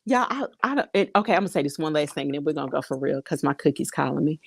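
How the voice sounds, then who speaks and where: A woman talks casually to her viewers, reading their comments aloud. Her voice sits low, and she laughs often as she chats. The sound is close and dry, with no room echo. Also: expressive, racing, gravelly, breathy edge. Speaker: vlogger.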